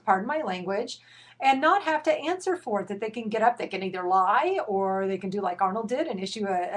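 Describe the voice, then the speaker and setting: A middle-aged woman parent coach giving an impassioned, emphatic video rant, a bit out of breath, with some restarts. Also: medium pitch.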